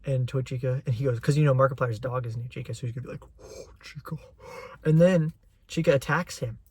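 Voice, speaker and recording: A young man hosting his own channel, chatting casually and excitedly as a fan with a rambling flow. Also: medium pitch, fast, slightly rough, dry recording. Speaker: channel host. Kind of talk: casual chat.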